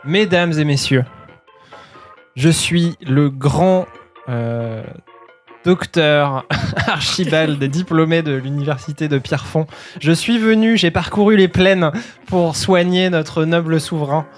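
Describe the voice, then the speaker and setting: A man's voice: a little high, slow, soft background music. A man voicing a grandiloquent, boastful doctor who hawks miracle cures to a crowd in a tabletop role-play. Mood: grand, proclaiming. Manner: pompous, proclaiming to a crowd.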